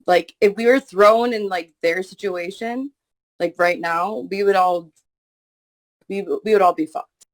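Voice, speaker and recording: A woman's voice: mid-range voice, steady tone, unhurried, low-quality recording. A woman in a casual voice chat, arguing bluntly and swearing as she makes her point. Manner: blunt, swears, argues insistently. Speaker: voice chat participant.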